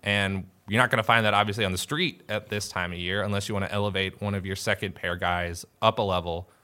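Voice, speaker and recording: A man's voice: lowish voice, steady tone, quick pace, sharp tone, clear, resonant tone. A man co-hosting a sports podcast, chatting casually and thinking through questions aloud. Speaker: podcast co-host.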